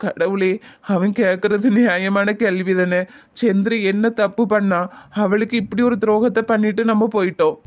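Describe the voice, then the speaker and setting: A man voicing a remorseful older father in a cartoon, speaking pained asides slowly in a Tirunelveli Tamil accent. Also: high voice, steady tone, phone-quality sound, close to an everyday voice. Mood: anguished. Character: remorseful older father, secretly watching his son. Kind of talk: cartoon voice acting.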